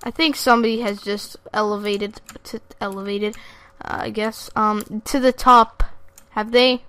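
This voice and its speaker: A woman hosting her own gaming channel, giving live gameplay commentary in an excitable, foul-mouthed way and talking straight to her viewers. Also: medium pitch, unhurried, no echo. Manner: excitable, swears freely, talks straight to viewers.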